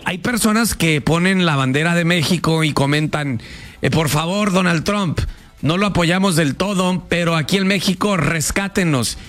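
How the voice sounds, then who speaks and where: Man, call-in radio host, slightly high voice, argumentative, pushes back hard. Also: moderate pace, a bit bright. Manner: pushy, argumentative, raises voice when challenging.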